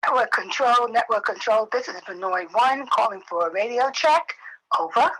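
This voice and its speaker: A higher-voiced woman comes through a two-way radio, sounding distant and thin. Her tone is bright and a little husky. She runs through her check-in in brisk radio procedure. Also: animated. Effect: heard over a two-way radio. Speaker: radio net station.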